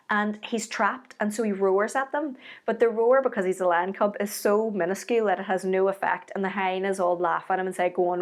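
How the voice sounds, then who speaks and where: A woman giving a short devotional sermon in an earnest, encouraging, conversational teaching manner. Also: mid-range voice. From Ireland. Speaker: speaker giving a devotional message.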